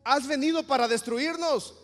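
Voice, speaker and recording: Brief: high, drawn-out demon voice, as a pastor puts it on, pleading in a long-echo church. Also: male voice, a bit bright. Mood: fearful. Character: unclean demon, male, fearful and defiant. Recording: reverberant church hall.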